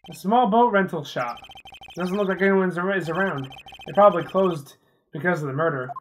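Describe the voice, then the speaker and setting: A woman's voice: fairly low pitch, moderate pace, background noise. A woman co-hosting a game play-through in casual chat, easygoing, often answering in short agreeing words. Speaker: let's play co-host.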